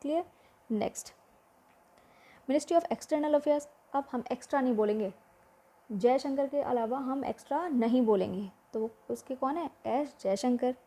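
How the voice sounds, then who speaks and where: A woman's voice: sits high, unhurried, mellow. A young woman teaching a memory-trick lesson for exams, quizzing the listener with repeated questions.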